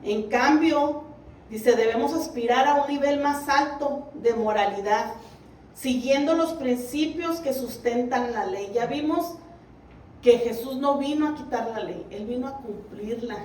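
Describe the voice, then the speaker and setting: High-voiced woman preaching in a roomy hall. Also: unhurried, darkish tone, a little hiss or hum. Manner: earnest, exhorting the congregation. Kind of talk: sermon. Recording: roomy, distant mic.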